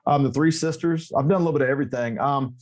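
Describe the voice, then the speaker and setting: A man guesting on a motorcycle podcast, talking in a loose, easygoing way. He tells his stories animatedly, jokes often, and his voice jumps up in pitch when he stresses a point. His voice sits at an ordinary middle pitch for a man. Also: quick pace. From Texas. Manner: animated, joking storyteller with emphatic pitch jumps. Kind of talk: casual interview chat.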